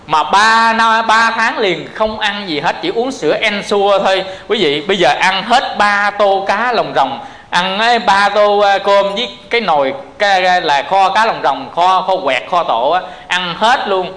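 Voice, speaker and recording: High-voiced preacher. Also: male voice, moderate pace. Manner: animated storytelling, addresses the audience directly. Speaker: Buddhist preacher. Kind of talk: sermon storytelling.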